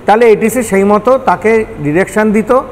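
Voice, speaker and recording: In an echoey hall with background noise, an older man with a Kolkata Bengali accent, once an air traffic control manager, serves as an expert guest in a news interview. He explains step by step in a high voice at a moderate pace, slipping English technical terms into his speech.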